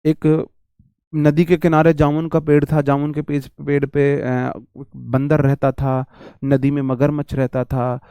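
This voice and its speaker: A man's voice: fairly high pitch, level tone, a little slow, mellow, smooth, no echo. Chatty Indian man teaching idioms. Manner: chatty, addresses students as bhai and ji, repeats phrases. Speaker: English teacher. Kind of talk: casual Hindi vocabulary lesson.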